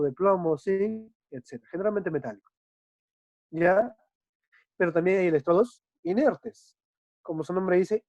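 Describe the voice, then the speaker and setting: A male chemistry teacher explaining a lesson patiently, often checking understanding with quick tag questions. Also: high-pitched, darkish tone, dry recording. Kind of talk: online class explanation. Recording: dull dry lo-fi recording.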